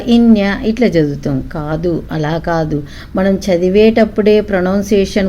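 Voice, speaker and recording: Woman teacher going letter by letter real slow, asks kids to repeat, faint background hum. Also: medium pitch, a little mellow. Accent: Telugu. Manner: slow, syllable-by-syllable call-and-response. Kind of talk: children's alphabet lesson.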